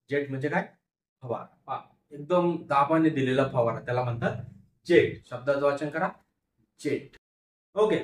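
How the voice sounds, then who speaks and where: A male teacher with a Marathi accent giving a phonics reading lesson, drawing out syllables slowly and asking questions that he answers himself. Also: a little high, echoey room, distant mic. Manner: slow, drawn-out syllables, repeats and drills words.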